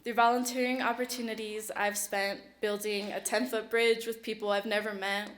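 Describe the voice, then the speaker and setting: A teenage girl gives an acceptance speech on an awards stage. Her voice sits at an ordinary middle pitch. She talks in a chatty, emotional way, full of "like" and "um," and slips into Spanish partway through. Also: level tone, normal speed. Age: late teens. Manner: chatty and emotional, filler-heavy, bilingual. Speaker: award recipient.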